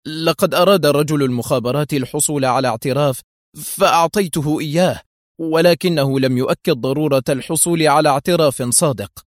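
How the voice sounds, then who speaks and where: A gruff, arrogant spy, put on by a man narrating a novel who speaks curtly and with insolence. The voice is raised and rough against the narration, in a dry close recording. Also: fairly high pitch, a little fast, dry recording, voice pushed up, close to an everyday voice. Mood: defiant. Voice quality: gruff, hoarse. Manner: curt, insolent.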